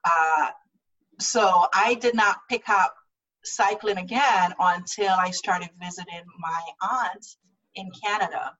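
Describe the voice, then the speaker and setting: A woman from Guyana, a guest who organizes a cycling group, talks in a casual interview with an easy, earnest manner, repeating words as she thinks. Her medium-pitched voice has a sharp tone and a slow pace. She sits a little back from a distant mic, so the sound is muffled.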